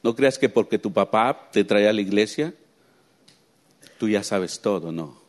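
Spanish-speaking preacher, lively and questioning. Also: male voice, measured pace. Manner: lively, swings from soft low asides to high excited emphasis; asks the congregation rhetorical questions. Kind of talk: sermon.

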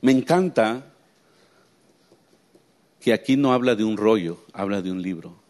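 A man preaching a sermon, swinging between quiet low asides and high excited emphasis and often asking his listeners questions. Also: a little slow. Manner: asks the congregation rhetorical questions.

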